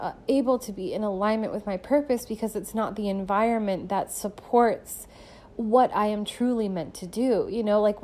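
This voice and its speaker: A woman's voice: medium pitch, mellow. A young woman hosting a podcast and talking casually about her own experiences, with lots of fillers and frequent laughs. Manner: chatty, filler-heavy, laughs often. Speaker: podcast host and musician. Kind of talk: casual personal monologue.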